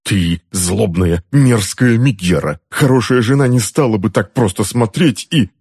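A man's voice: medium pitch, sing-song, moderate pace, darkish tone, husky, no room sound, studio quality, voice pushed up. A man voicing a pampered middle-aged uncle under a curse, who whines, pleads and wails in a raised, strained voice. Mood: furious. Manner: whining, pleading, wailing. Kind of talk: audiobook character voice.

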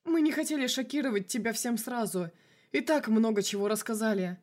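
A woman voicing a calm, soothing older male friend in a storybook reading, speaking deliberately. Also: a little high, lightly acted.

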